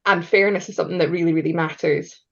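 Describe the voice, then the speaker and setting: A woman's voice: fairly low pitch, fairly even intonation, fast, a bit bright, highs cut off. A woman guest on a podcast, talking enthusiastically and casually, with some swearing. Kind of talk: casual interview chat.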